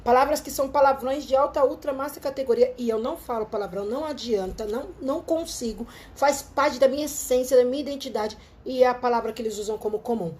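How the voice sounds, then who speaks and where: A woman's voice: sits high, fast, hardly any pauses, a little mellow. A Brazilian woman with a Brazilian Portuguese accent, chatting animatedly to listeners on a live show. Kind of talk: casual live talk with storytelling. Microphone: phone livestream.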